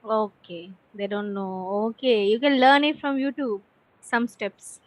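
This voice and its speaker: An English teacher with an Indian accent chats casually with a student, encouraging them with simple questions as conversation practice. Her voice sits on the high side, her pace is measured, and there's no room sound.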